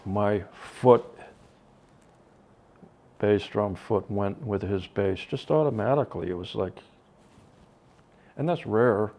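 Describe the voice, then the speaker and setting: Older man, gravelly and dark-voiced, slow reflective interview talk full of ums and pauses. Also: fairly low pitch. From Connecticut. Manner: slow, halting, many ums and trailing soft phrases. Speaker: drummer interviewed about his band.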